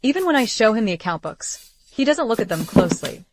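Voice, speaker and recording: A woman dubbing a caring young wife in a period drama, with a gently bossy, fussing manner. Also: on the high side, sing-song, brisk, faint music behind. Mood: matter-of-fact, caring. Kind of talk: English dub of a period drama.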